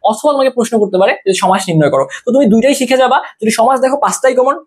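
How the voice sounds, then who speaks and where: Rapid, chatty exam tutor, mid-range pitch, casual lesson. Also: animated, breathy edge. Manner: rapid, chatty, asks and answers own questions.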